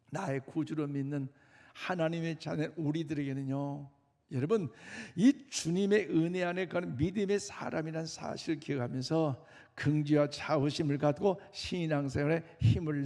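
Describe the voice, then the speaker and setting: A man's voice: a little high, moderate pace, warm tone. A man preaching a Sunday sermon in a church sanctuary, earnestly and emphatically addressing the congregation. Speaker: pastor. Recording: long reverb of a church hall.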